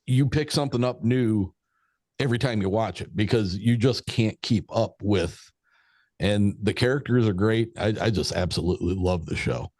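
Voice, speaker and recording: A man's voice: on the low side, normal speed, darkish tone, no echo. A man chatting casually as a panelist on a podcast. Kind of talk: casual chat.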